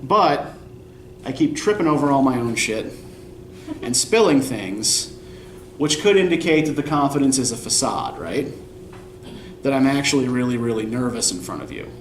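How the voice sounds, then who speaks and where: A young man from Eastern Pennsylvania teaches a college writing class, rambling casually, poking fun at himself, and often asking "right?" His mid-range voice is animated and moves at a normal speed. He was recorded from far away in an echoey classroom with slight background noise.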